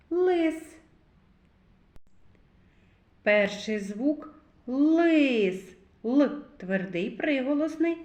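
A woman's voice: fairly high pitch, darkish tone. A woman teaching a phonics lesson to young children, drawing out each word and spelling sounds out one by one. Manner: slow, drawn-out words, sounds spelled out one by one. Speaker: preschool teacher. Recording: echoey room.

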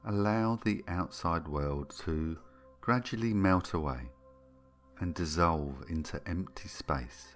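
A man with a very low voice guides a meditation, speaking soothingly and gently over background music. He takes his time, leaving long pauses between phrases.

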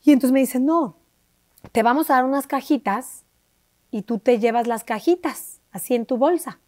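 A Mexican woman, an interview guest, telling a personal story in a lively way and acting out the voices of the people she quotes. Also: high-pitched, moderate pace, no room sound. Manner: animated, acts out quoted dialogue with shifting voices. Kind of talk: conversational storytelling.

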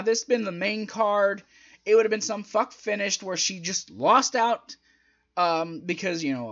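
The young male host of a wrestling review show speaks in a fairly high, slightly bright voice, offering casual and opinionated takes with emphasis and a conversational feel. His throat sounds a bit strained. A close desk mic in his small home room picks him up, but the audio comes across dull.

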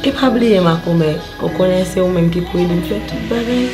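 A woman's voice: fairly low pitch, a little fast, over loud music, lightly acted. A woman playing a grateful churchwoman. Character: grateful churchwoman thanking her friends. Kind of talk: amateur drama acting.

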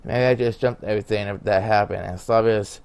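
Low-voiced man reading a game aloud. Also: fairly even intonation, moderate pace, vocal fry, darkish tone, clear, resonant tone. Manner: stumbles, restarts, mutters asides. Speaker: game narrator. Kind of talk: reading a visual novel aloud.

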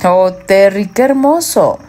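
A woman's voice: medium pitch, animated, slow, mellow, faint music behind. A woman voicing a cheerful, affectionate young wife in an audiobook romance.

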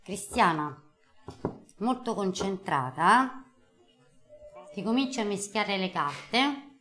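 A woman's voice: mid-range voice, a bit bright. A middle-aged woman hosting a live call-in card reading, emphatic and affectionate, using endearments. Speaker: host, tarot card reader. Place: TV studio. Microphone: lapel mic.

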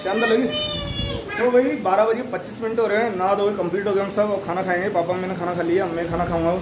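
A man's voice: high-pitched, steady tone, fast talker. A young man, a family vlogger chatting casually at home and often calling his viewers brother. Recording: noisy home phone recording.

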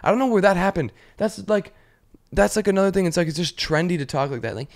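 A man hosting a comedy podcast, telling a story with animated energy, using "like" and "literally" constantly and laughing often. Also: high-pitched, quick pace, creaky. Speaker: podcast host. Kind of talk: casual comedy podcast chat.

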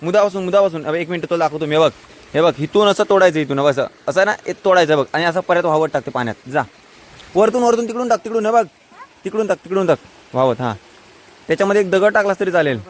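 A man's voice: a little high, fast talker. Man coaxing a child outdoors. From Konkan, India. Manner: coaxing, repeats short instructions. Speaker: vlogger teaching a child. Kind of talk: casual outdoor vlog. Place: outdoors by a stream.

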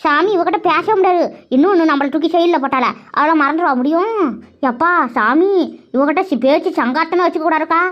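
Gossipy greedy village woman , woman voicing, very high and rapid. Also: dull audio. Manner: chattering, scolding gossip.

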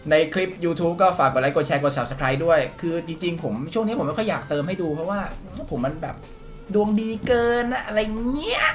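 A man doing excited gameplay commentary, yelping and shrieking at results and talking straight to his viewers. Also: a little high, moderate pace. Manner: addresses viewers directly. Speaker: mobile game YouTuber. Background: background music.

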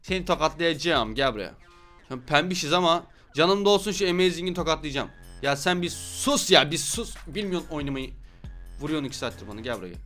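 A young man with a high, bright voice calls his game as he plays it, loud and full of jokes, cursing at his rivals. Faint game music runs under his voice. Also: expressive, quick pace. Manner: loud, joking, swears at opponents. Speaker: gaming YouTuber. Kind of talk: excited gameplay commentary.

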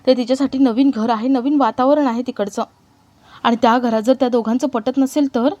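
A woman's voice: high voice, steady tone, fairly quick, a little mellow, dull audio, close to an everyday voice. A woman voicing an anxious middle-aged mother worried about her married daughter, speaking in a fretful way.

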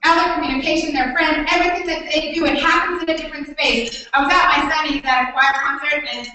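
A middle-aged woman giving a motivational keynote, animated, quizzing the audience and acting out voices in her stories. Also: sits high, quick pace. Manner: animated, asks the audience questions, acts out quoted voices. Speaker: keynote speaker. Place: conference room. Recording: very echoey hall, voice from far off, faint noise.

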